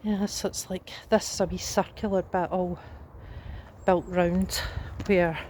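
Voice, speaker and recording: A Scottish vlogger giving an unhurried, casual commentary while looking around outdoors, musing aloud. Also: medium pitch, flat delivery. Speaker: vlogger giving a cemetery tour. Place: outdoors in a cemetery. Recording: windy, noisy outdoor handheld recording.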